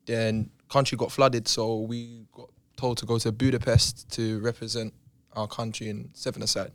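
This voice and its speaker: A man's voice: medium pitch, level tone, normal speed, a bit bright, no echo. A young man with a London roadman accent, joking in street slang as a guest on a casual podcast. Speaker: guest, footballer. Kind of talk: casual group podcast chat.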